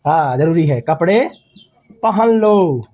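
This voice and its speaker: A man's voice: a little high, lively intonation, takes it slowly, warm tone, dull audio. A man teaching English in a classroom, repeating phrases word by word and quizzing his students. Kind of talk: classroom lesson.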